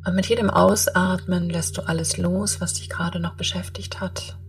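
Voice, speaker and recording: Soft whispering woman guiding a meditation. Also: fairly low pitch, far from the mic, soft background music. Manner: soft, breathy, half-whispered soothing delivery; slow, spaced-out instructions with long calm phrasing. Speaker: podcast host and meditation guide. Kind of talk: guided meditation.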